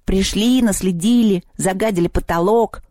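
A woman's voice: on the high side, normal speed, warm tone, no room sound, studio quality, pitched above the performer's own voice, natural voice. Woman putting on a wailing little house spirit. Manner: wailing, whining, sulky. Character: whiny mischievous little male school house-spirit.

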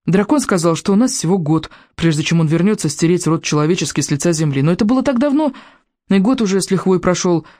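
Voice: medium pitch, expressive, fast, dark tone, no echo, studio quality, lightly acted. A reader voicing an embarrassed young boy who blurts out his excuses in an audiobook. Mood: flustered. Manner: blurting, defensive. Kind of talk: audiobook reading.

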